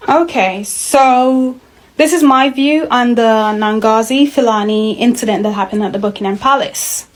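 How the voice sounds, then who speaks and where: A young woman chatting lively and a bit defensively to the camera indoors. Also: fairly high pitch, unhurried. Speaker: commentator. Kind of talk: casual chat to camera.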